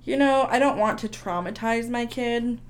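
Woman, 30s, podcast co-host, a bit high-pitched, dry and blunt, casual swearing. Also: moderate pace. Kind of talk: casual chat.

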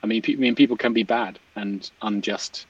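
A man's voice: on the low side, brisk, breathy edge. A man explains things casually and thoughtfully, often restarting and rephrasing as he goes. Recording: distant mic, slightly dull, dry sound.

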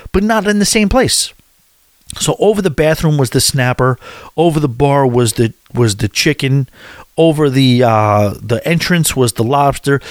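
A man's voice: mid-range voice, dry recording, clean studio sound. An American man casually recapping his trip in a rambling, chatty way, with frequent restarts. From USA. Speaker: cruise vlogger.

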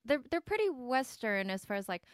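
A woman in her thirties from Michigan with a Midwestern American accent, a podcast guest chatting casually in an excitable, animated way and laughing loudly. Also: fairly high pitch, brisk, dry recording, studio quality. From Michigan, USA. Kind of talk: casual chat.

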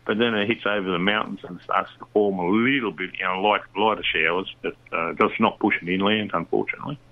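A man's voice: deep voice, fairly even intonation, brisk. An Australian man giving a fishing report in casual radio chat, rambling with lots of fillers and restarts. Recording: dull lo-fi line.

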